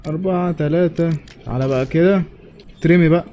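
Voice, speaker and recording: Commenting on his game in a let's play, a young man with an Egyptian Arabic accent jokes around and answers back to the characters. He talks fast in a slightly high voice with a dark tone, over slight background noise.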